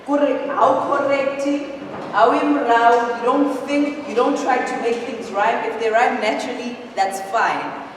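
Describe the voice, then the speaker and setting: In a school hall, a woman with a fairly high voice leads students through a writing workshop exercise at a measured pace. She's a lively teacher who asks questions and mixes in local-language words. The audio is echoey, the mic distant, with background noise.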